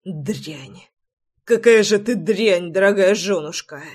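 A woman voicing a furious, jealous young husband who shouts accusations at his wife and then mutters to himself in an audiobook. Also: medium pitch, slow pace. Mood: enraged.

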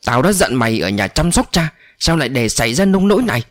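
A man doing a gruff scolding older guardian. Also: mid-range voice, lively intonation, a little fast, no room sound, studio quality, faint music behind, lightly acted. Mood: angry scolding. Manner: shouting, scolding.

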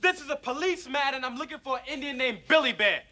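Brash cocky street hustler. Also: male voice, extremely high pitch, expressive, fast, pushed and bright, exaggerated voice. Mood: aggressive. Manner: brash, mocking, profane. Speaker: convict posing as a cop. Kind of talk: 1980s action film acting. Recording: film soundtrack with music behind.

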